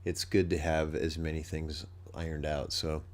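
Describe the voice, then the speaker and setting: A man's voice: a bass voice, flat delivery, moderate pace. A man with a nasal voice hosting a podcast, rambling thoughtfully and thinking aloud in a casual solo talk. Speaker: podcast host.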